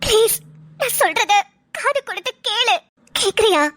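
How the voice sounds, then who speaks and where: A woman's voice: very high voice, animated, moderate pace, sharp tone, exaggerated voice. A woman voicing a jealous young ex-girlfriend in a cartoon, whiny and pleading. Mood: complaining. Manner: whiny, pleading, self-pitying. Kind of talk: cartoon dialogue.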